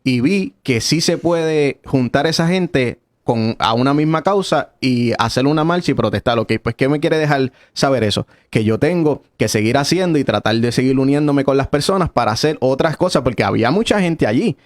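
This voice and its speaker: A Puerto Rican man speaking as a guest pastor on a radio interview, earnest and preachy in a quick flow. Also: mid-range voice, expressive. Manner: earnest, preachy, fast-flowing.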